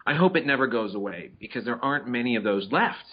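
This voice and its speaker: A man's voice: mid-range voice, lively intonation, quick pace, husky. Middle-aged man, casual podcast chat, playful storyteller, slightly dull lo-fi sound. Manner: chatty, playful, acts out his dogs in little voices. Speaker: podcast co-host.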